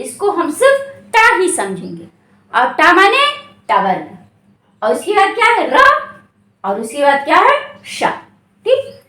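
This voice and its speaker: A woman's voice: very high-pitched, fairly bright tone. A woman teaching a Sanskrit grammar exam-prep lesson, asking questions and answering them herself, drawing out syllables to stress them. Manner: slow, drawn-out syllables when stressing sounds. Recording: echoey room.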